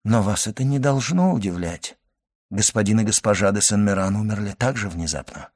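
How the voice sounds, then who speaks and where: A man reading aloud as a solemn, grim middle-aged physician who speaks in a measured, hushed way. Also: fairly low pitch, expressive. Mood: grave. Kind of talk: audiobook reading.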